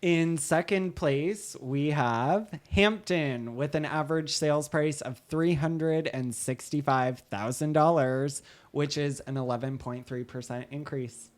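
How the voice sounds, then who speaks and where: A woman co-hosting a podcast, counting down figures in a slow, deliberate way. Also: sits low, a little mellow. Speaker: podcast co-host. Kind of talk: reading market figures in a podcast.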